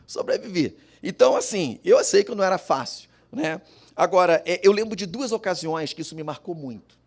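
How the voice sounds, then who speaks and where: A Brazilian man with a high, animated voice, speaking a little fast, gives an emotional personal testimony as a father at a public forum. He acts out his family's voices while telling the story.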